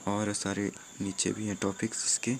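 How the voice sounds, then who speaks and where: A man from Jharkhand, a teacher, going through a school syllabus in a steady listing manner with fillers. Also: lowish voice, normal speed, slight background noise. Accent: Jharkhand Hindi. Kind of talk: explaining a syllabus.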